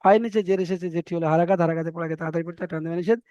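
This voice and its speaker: A man teaching an online Quran recitation lesson, spelling out letters slowly and rattling off repeated rules quickly. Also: fairly high pitch, fairly even intonation, dark tone, smooth, dry recording, dull audio.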